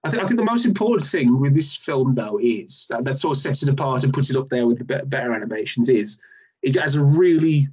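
A young man talks films with his mates, enthusiastic and a bit sweary. His voice is husky, with a rough breathy edge at an ordinary pitch. He stumbles over repeated words as he gets excited. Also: fast, rough recording. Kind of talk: casual film review chat.

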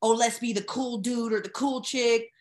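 An American woman from Colorado joins a podcast as a guest, talking casually with strong opinions, brash and slangy in her straight talk. Her voice is a little high, with fairly even intonation and a normal speed.

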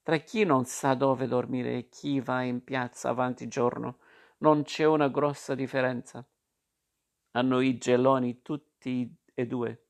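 A man narrating a literary novel in a measured, unhurried audiobook reading. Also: medium pitch, steady tone, creaky.

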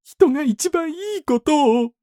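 A man reading a story aloud, voicing a weepy, rough-talking grown man who rambles and repeats himself through sobs. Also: very high voice, unhurried, warm tone, no echo, clean studio sound, voice pushed up. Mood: sobbing.

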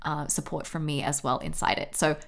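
A woman's voice: low voice, steady tone, a little fast, gravelly. A woman hosting a podcast, talking in an upbeat, enthusiastic way as she introduces the episode and promotes her course. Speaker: podcast host and film coach.

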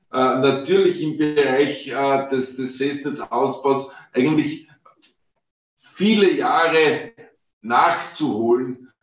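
A man answering as a panel expert, talking loosely with many fillers and repeated phrases. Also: medium pitch. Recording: distant roomy lo-fi mic.

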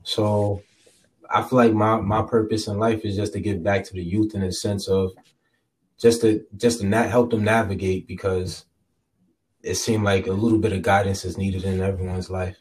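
Podcast guest, male, twenties, from Jersey City: informal, thoughtful, lowish pitch, slightly distant from microphone. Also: little pitch movement, moderate pace, darkish tone. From Jersey City, USA. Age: 20s. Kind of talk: casual, reflective interview answers.

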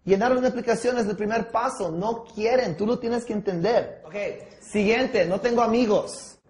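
A high-voiced man runs a sales training session, walking his group through objections and switching into English words mid-sentence. His voice bounces around an echoey room. He keeps up an energetic, coaching push. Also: moderate pace. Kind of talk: sales training talk with role-play.

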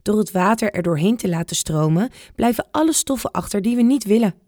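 A woman's voice: mid-range voice, animated, brisk, dark tone, no echo, clean studio sound, natural voice. A woman voicing an enthusiastic male professor who explains things in a children's storybook. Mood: explaining.

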